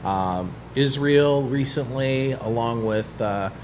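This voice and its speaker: A sports collectibles store owner chats on a studio radio show, rambling casually and leaning heavily on fillers like "you know" and "uh". His mid-range voice is slow and a little mellow, with slight background noise.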